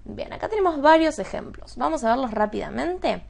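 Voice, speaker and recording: A woman teacher giving a spoken grammar lesson, explaining step by step and checking understanding with quick questions. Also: high-pitched, animated, gravelly, darkish tone.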